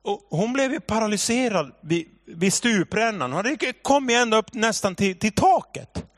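A man in his thirties preaching a sermon in church, telling a personal story with animated delivery. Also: high voice, dry recording, studio quality. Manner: animated storytelling, shouting when acting out the scene. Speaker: pastor.

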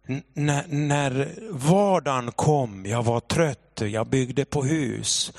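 A man in his thirties preaching a sermon in church, telling a personal story with animated delivery. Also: a little high, no echo, clean studio sound. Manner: animated storytelling, shouting when acting out the scene. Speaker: pastor.

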